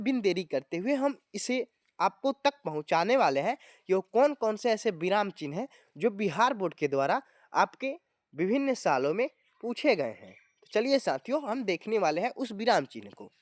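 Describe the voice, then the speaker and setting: This man's voice sits high, captured at studio quality without echo. He teaches grammar to exam students, going step by step in an explanatory way, regularly calling his viewers "friends" and adding tag words.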